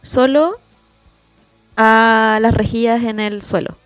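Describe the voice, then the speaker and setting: A woman's voice: fairly high pitch, takes it slowly, smooth, dry recording, soft background music. A young woman with a Chilean accent, chatting casually as a podcast co-host, telling rambling stories with lots of laughing. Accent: Chilean Spanish. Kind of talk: casual chat.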